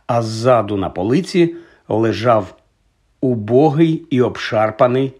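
A man narrating a fantasy audiobook in a measured, even storytelling manner. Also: medium pitch, husky. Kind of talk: scripted narration.

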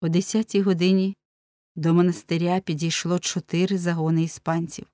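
A woman reads a storybook aloud in a measured, solemn voice. Her tone is fairly low, and the recording is dry and close, with no room sound. The narration moves steadily. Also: flat delivery, dark tone, no room sound. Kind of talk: audiobook narration.

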